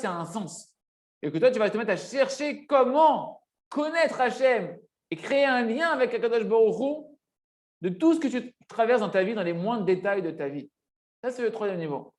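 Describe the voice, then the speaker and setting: High-voiced man teaching a religious lesson. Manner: didactic, emphatic, repeats phrases and checks understanding.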